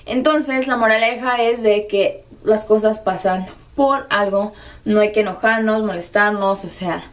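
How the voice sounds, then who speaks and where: A woman's voice: mid-range voice, unhurried. A young woman with a Mexican Spanish accent tells a story to her vlog camera, acting out each exchange in quoted voices. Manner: lively, acts out every exchange in quoted voices. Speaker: vlogger.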